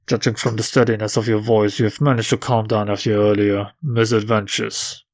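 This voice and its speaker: A man voicing a cryptic anonymous caller whose voice comes through a phone with heavy distortion, calm and measured with veiled threats. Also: on the low side, voice pushed down. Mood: cool. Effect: heavily distorted phone voice. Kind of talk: reading a game aloud with voices.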